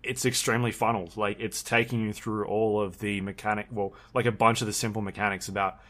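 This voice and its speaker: Rambling man with a low voice. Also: fairly even intonation, fast, a bit bright. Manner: rambling, with many ums and restarts. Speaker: podcast co-host. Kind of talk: casual chat.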